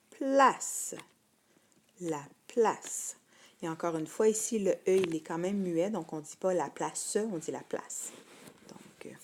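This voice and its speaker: A woman's voice: fairly low pitch, dark tone, slight background noise. A woman teacher with a Québécois French accent, giving a patient phonics lesson to first graders and repeating each word twice.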